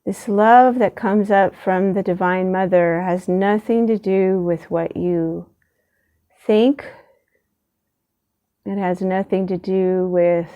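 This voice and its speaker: A woman with a medium-pitched voice guides a gentle meditation, soothing and unhurried, with long pauses between short phrases. The sound is lo-fi.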